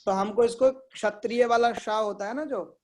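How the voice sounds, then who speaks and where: A man's voice: very high voice, steady tone, moderate pace. A man teaching Sanskrit pronunciation in an online class, patiently repeating sounds and checking that his students follow.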